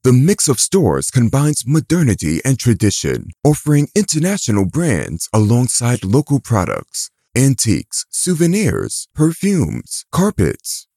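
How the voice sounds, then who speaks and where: A man reading scripted audio guide narration in a polished, measured tourist-guide delivery. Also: medium pitch, wildly swooping pitch, warm tone, dry recording, studio quality.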